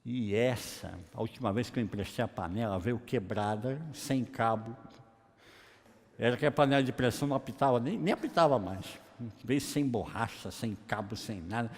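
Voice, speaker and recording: A man preaching a lively sermon in a colloquial, joking way, acting out Bible scenes. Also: medium pitch, normal speed. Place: church hall. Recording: long church-hall reverb.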